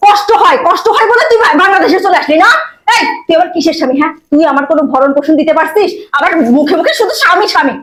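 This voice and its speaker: A woman's voice: very high-pitched, animated. An actress playing a contemptuous young wife who taunts her husband. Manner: taunting, rude, rapid-fire questions. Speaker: wife and daughter.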